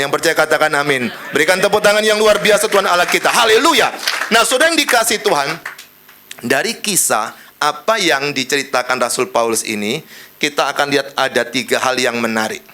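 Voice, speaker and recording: A male pastor, preaching in a joking, dramatic style with sudden shifts in pace and loudness. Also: medium pitch, slight background noise. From Indonesia. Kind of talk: sermon.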